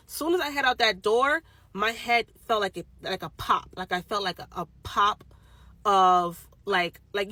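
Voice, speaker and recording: Animated woman telling a spooky story. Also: mid-range voice, no room sound. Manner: animated, swearing, rising loud when quoting others. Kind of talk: casual storytelling.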